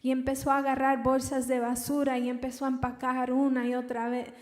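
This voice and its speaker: Young woman giving a halting church testimony. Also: high-pitched, completely flat delivery, a little mellow. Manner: halting, repeating words as she recounts. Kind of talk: emotional personal testimony. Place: large church hall. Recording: reverberant church hall.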